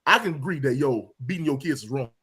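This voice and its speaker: A man's voice: medium pitch, expressive, fast talker, bright, forceful tone, slightly rough. Man, casual podcast debater, AAE features, insistent, keeps the floor. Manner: insistent, repeats phrases, frequent "mm-hmm". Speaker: podcast co-host.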